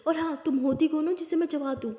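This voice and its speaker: A woman's voice: high voice, fairly even intonation, fast, mellow, pitched above the performer's own voice, lightly acted. A woman voicing a stern middle-aged uncle who curtly brushes off his niece. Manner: curt, dismissive. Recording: echoey room with long reverb.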